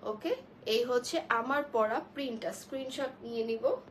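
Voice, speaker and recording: A young woman talks low and gently because she has a cold, running a casual live sale of clothes. Her voice sits fairly high, and she keeps up an easy, chatty flow, dropping English words into her talk. A faint hiss runs under the recording. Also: normal speed, rough recording. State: has a cold, speaking softly. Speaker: online clothing seller. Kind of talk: live-stream product showcase.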